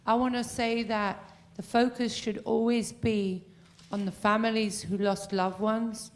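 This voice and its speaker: A woman in the audience asking a long earnest question at a public meeting, pausing with fillers. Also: on the high side, flat delivery. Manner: earnest, pauses with um. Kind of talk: question from the floor.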